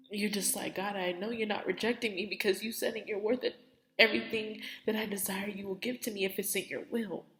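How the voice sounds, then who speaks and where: A woman's voice: mid-range voice, fairly bright tone, reverberant, big-room sound. A young woman talking about her faith while teary, in a rambling, heartfelt way full of "like" and "you know". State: teary, on the verge of crying. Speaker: faith vlogger. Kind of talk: emotional personal testimony.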